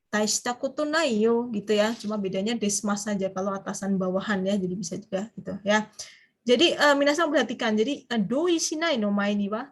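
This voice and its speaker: A young woman teaches an online language class in a chatty, animated way, slipping foreign phrases into her explanations and quizzing her students. Her voice is on the high side.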